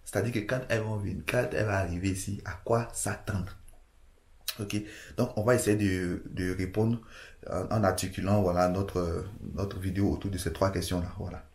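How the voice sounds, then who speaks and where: A man's voice: low voice, fairly even intonation, normal speed, a little mellow, roomy sound. A man from Côte d'Ivoire giving casual immigration advice to camera, hesitant, with many restarts and fillers.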